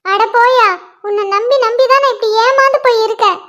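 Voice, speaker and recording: A woman's voice: very high voice, fairly even intonation, brisk, sharp tone. A woman voicing a jealous, sulky female lizard scolding her husband in a cartoon. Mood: sulking.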